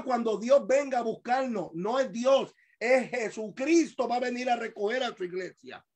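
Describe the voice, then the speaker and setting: A male pastor leads a Bible study in Spanish and presses the key points again and again. He speaks slowly and deliberately, firing questions at the room. He drops to quiet asides, then rises to shouted emphasis. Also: very high-pitched. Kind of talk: teaching Bible study to a congregation. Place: church hall.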